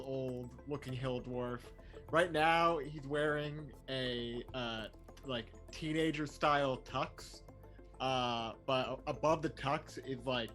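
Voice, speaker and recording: A man's voice: medium pitch, fairly bright tone. A man playing a tabletop game, describing his character in a rambling way full of fillers. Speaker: player. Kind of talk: casual tabletop role-play.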